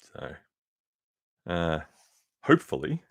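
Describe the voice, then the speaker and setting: A man reading a children's picture book aloud with expressive, unhurried storytelling and casual asides. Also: low voice, creaky, no room sound, studio quality. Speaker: reader.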